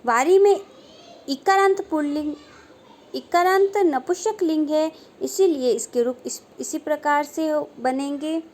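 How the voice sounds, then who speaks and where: A woman's voice: high voice, a little mellow. A woman teacher reciting a grammar lesson in long chanted lists, her voice dropping at the end of each list. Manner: chants word forms in drawn-out lists, voice dropping at each case ending.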